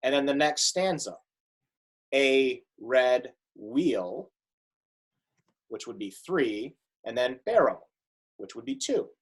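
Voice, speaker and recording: A man teacher explaining a poem in a casual, relaxed way, with many "you know" fillers. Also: medium pitch, moderate pace, slightly rough. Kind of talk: classroom lesson.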